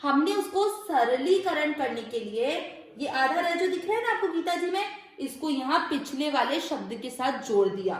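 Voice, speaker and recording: A woman's voice: sits high, sing-song, moderate pace. A woman teaching Sanskrit verse pronunciation step by step, patiently repeating syllables and asking rhetorical questions. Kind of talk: step-by-step recitation lesson. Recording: very echoey room.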